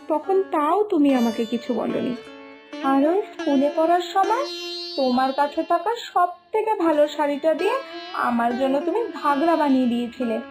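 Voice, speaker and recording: Voicing a self-sacrificing, devoted village daughter in an animated moral tale, a woman speaks earnestly and emotionally, pleading in a voice that sits high. The acting is light.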